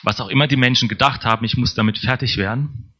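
This man's mid-range voice moves at a quick pace with a sharp tone. He preaches a sermon conversationally, frequently checking in with the congregation through tag questions.

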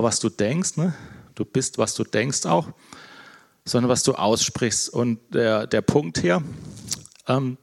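A man preaching in a relaxed, conversational sermon. He keeps checking in with his listeners with a quick "ne?". His delivery is thoughtful and low-key, with frequent fillers and self-corrections. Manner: conversational, tags nearly every phrase with "ne?", many fillers and restarts; calls himself introverted, talks in a thoughtful, low-key way. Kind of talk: informal sermon.

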